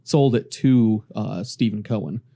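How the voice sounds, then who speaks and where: A man hosting a casual podcast chat, relaxed and telling stories and facts to his friends. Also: fairly low pitch, unhurried. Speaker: podcast host.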